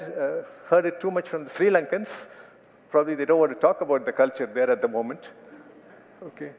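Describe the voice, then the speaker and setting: A man with an Indian accent and a high voice delivers a sermon as a preacher. He is emphatic, coming back to key phrases and slowing down on them for weight. The recording sounds dull and carries a long hall reverb.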